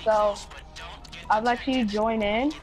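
A man's voice: high voice, fairly even intonation, slow pace. A young man chatting casually and swearing as he plays an online game and haggles with his friends. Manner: profane, bargaining. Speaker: gamer playing online with friends. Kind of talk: casual gaming chat. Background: video game sounds and music.

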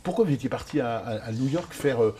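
A man's voice: mid-range voice, lively intonation, fast talker, warm tone, husky. A man hosting a TV studio interview, asking searching questions with some hesitation. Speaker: interviewer, host. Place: TV studio set.

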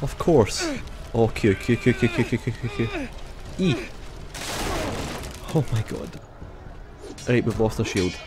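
A man giving sweary let's play commentary, reacting loudly to the game. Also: medium pitch, huge pitch swings, unhurried, long pauses. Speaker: gaming YouTuber. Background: game music.

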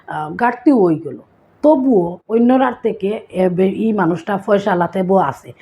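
Sylheti-accented woman vlogger, chatty storyteller who acts out sayings; mid pitch, slightly muffled lo-fi sound. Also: animated, moderate pace. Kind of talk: casual explanatory vlog.

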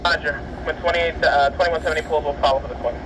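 A high-voiced man fires off railroad crew replies over a walkie-talkie. He talks extremely fast. The radio recording is thick with loud train noise. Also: fairly even intonation.

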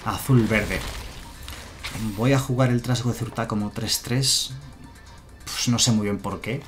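Chatty Spanish streamer over soft music. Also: male voice, medium pitch, fairly even intonation, moderate pace. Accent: Spain Spanish. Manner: chatty, answers chat, muses aloud. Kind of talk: casual live-stream commentary. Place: home room with a chair.

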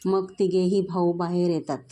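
A woman storyteller reads a family drama at a steady pace. Her voice is lowish and warm, never sharp. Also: moderate pace.

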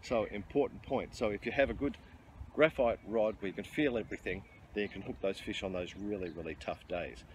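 Recorded close-up on a handheld camera amid riverside noise, a middle-aged man vlogs his fishing from a riverbank near a bridge. He speaks in a lowish voice, fairly fast, chatting casually, explaining as he goes, and often restarting or saying um.

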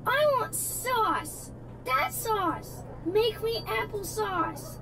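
A woman's voice: very high voice, lively intonation, very slow, full character voice, rough recording. A woman voicing a small, demanding child robot in a video game.

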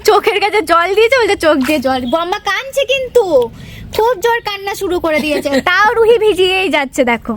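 A woman from West Bengal narrates a family vlog outdoors in her courtyard. Her voice sits very high, and she chats warmly with a toddler in sing-song baby talk. A clip-on wireless mic picks her up up close. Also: animated, fast, a little hiss or hum. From West Bengal, India. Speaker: vlogger, mother. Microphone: wireless lapel mic.

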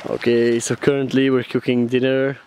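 A man's voice: mid-range voice, flat delivery, moderate pace. Chatty man vlogging from Belgium, noisy background. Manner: laughing, loose and chatty. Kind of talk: casual travel vlog. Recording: noisy outdoor camera audio.

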